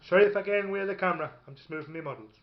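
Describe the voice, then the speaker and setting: Speaking very fast in a high-pitched voice, a man chats casually and hesitantly over a tabletop wargame, thinking aloud and reading out parts of the rules. The game is being filmed in an indoor room. The recording is roomy and dull, with faint noise and a radio playing behind him.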